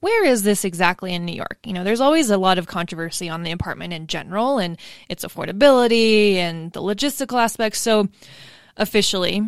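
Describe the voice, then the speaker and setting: Clear-voiced woman co-hosting a podcast. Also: medium pitch, no echo, studio quality. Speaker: podcast co-host. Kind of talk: casual conversational storytelling.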